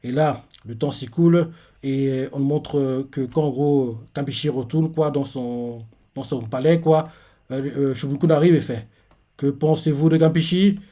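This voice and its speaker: Excitable man recapping a manga chapter. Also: mid-range voice, unhurried. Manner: rambling, many fillers and restarts, excitable. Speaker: reaction channel host.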